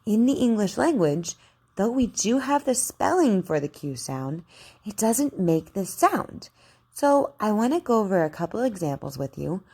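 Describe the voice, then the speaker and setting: A woman giving an instructional speech drill, over-enunciating in a deliberate, careful way as she models sentences for repetition. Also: medium pitch, big pitch swings, darkish tone, husky. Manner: encouraging.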